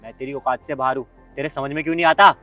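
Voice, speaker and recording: A man's voice: mid-range voice, steady tone, rapid-fire, pushed and bright, faint music behind, close to an everyday voice. A young man playing an arrogant, boastful rich man who insults his ex-girlfriend in a web skit. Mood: taunting. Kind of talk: Hindi web skit acting.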